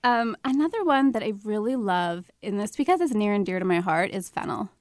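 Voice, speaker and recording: A woman's voice: mid-range voice, expressive, a little fast, no echo, studio quality. A woman with a New York accent, co-hosting a call-in show as a spice expert, talking enthusiastically and laughing often. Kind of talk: radio talk show.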